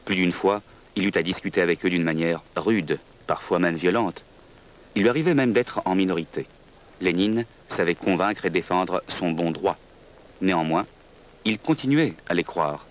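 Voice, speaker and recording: A man reads scripted historical documentary narration in a measured, solemn manner. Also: sits low, slight background noise.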